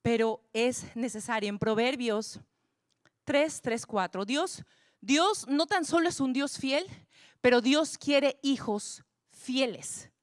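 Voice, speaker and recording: Woman pastor preaching, goes from loud pleading to near whispers, repeats herself a lot, slightly high voice. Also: slow pace, no room sound, clean studio sound. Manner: impassioned, swings between loud pleas and hushed whispers; repeats words for emphasis. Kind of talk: sermon.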